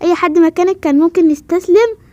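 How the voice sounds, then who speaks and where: A woman's voice: extremely high pitch, fast talker, warm tone, no room sound, muffled recording. A woman with an Egyptian Arabic accent voicing a caring, encouraging mother in a voiced game role-play, speaking in a soothing, patient way. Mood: proud.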